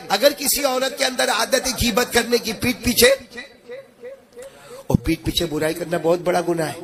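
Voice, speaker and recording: Male preacher, high voice, gravelly edge, chanting sermon, strained throat, crowd of listeners behind. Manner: impassioned, rising into chanted sing-song. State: voice a bit strained. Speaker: Islamic preacher. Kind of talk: Urdu-Hindi religious sermon. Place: religious gathering with audience.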